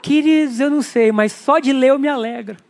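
A man's voice: very high voice, brisk, creaky. A man with a Brazilian accent preaching a sermon in a chatty way, often putting questions to the congregation. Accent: Brazilian Portuguese. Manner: conversational, asking the congregation questions. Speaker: pastor.

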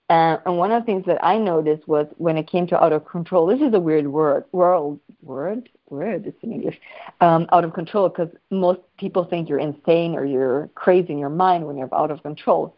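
A Swedish woman speaks in a low-pitched voice, and the audio sounds lo-fi. She's a guest in a casual interview, calling in by video from her home in Sweden with her dog nearby. Her delivery is enthusiastic, playful and free-flowing.

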